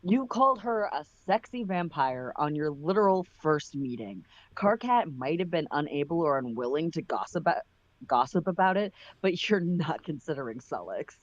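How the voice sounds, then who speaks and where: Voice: mid-range voice, animated, normal speed, dry recording, dull audio, close to an everyday voice. A reader voicing a teasing, wisecracking young man friend with pointed remarks.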